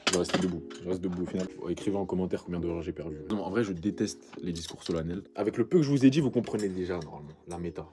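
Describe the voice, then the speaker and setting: A man's voice: low-pitched, very fast, few pauses, background noise. A young man, a shop owner rambling in slangy, self-mocking vlog talk. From France. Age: 20s. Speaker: clothing shop owner, vlogger. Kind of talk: casual vlog talk and banter.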